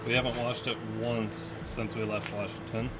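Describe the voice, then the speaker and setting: A man's voice: medium pitch, level tone, moderate pace, heavy background noise. A man from the United States chatting casually as a travel vlogger. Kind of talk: casual travel vlog chat.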